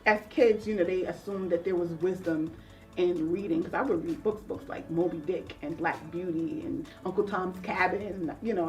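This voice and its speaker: An earnest woman counselor tells her own story in an interview, reflective and open. She sits a little back from the microphone. Soft music plays faintly underneath. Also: fairly low pitch, recorded from a distance. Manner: earnest and reflective, acting out remembered voices. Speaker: counselor guest.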